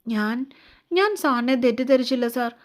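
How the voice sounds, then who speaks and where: A woman voicing a timid young woman who pleads in halting, broken words through tears, in a romance audio story. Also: a little high, lively intonation, natural voice. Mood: tearful pleading. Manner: halting, broken, sobbing pleas.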